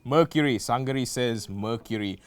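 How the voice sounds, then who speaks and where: A man's voice: mid-range voice, moderate pace, clean tone, no room sound. A young man hosting a student game show, playful with jokey asides. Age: young adult.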